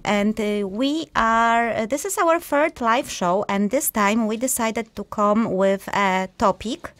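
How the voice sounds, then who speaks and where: A woman's voice: a little high, dry recording. A young woman co-hosting a live radio show, chatting and teasing with many fillers. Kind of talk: casual live radio chat. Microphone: studio microphone.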